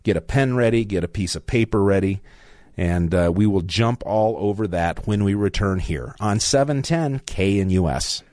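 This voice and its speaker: Older guy hosting talk radio, lowish voice, dry studio sound, rambly and chatty. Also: expressive, moderate pace, a little mellow, no room sound. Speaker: radio talk show guest host. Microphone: studio mic.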